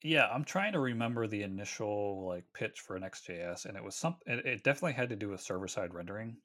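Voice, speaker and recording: Low-voiced guy rambling about web frameworks, fixes himself mid-sentence. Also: expressive, fast talker, a bit bright. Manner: rambling, self-correcting explanations. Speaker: podcast co-host. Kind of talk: casual tech chat.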